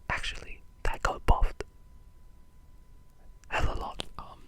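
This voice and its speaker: The whisper here is slow and sharp in tone, breathy and entirely unvoiced. It belongs to an eager gamer chatting casually and at length about video games in an ASMR setting.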